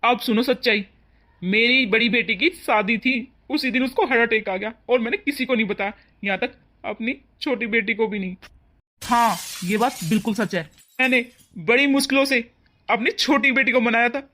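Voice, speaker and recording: A woman's voice: on the high side, normal speed, sharp tone. A woman voicing a grief-stricken middle-aged father in a dubbed cartoon family drama, speaking in a pleading, heavy way. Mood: grieving.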